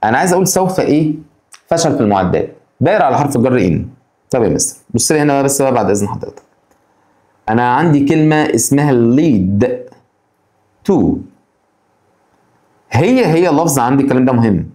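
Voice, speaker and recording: An Egyptian man teaches English vocabulary for an exam. His voice rises and falls in a lively way as he fires questions straight at his students. The sound is roomy, with a noticeable echo. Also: medium pitch. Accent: Egyptian Arabic. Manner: addresses students directly with quick rhetorical questions. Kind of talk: exam-prep lesson explaining vocabulary.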